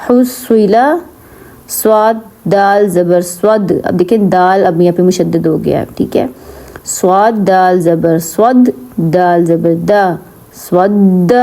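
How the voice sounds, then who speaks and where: A woman teaching Quran reading with a Pakistani Urdu accent, spelling each syllable slowly and patiently, then explaining quickly. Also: medium pitch, warm tone.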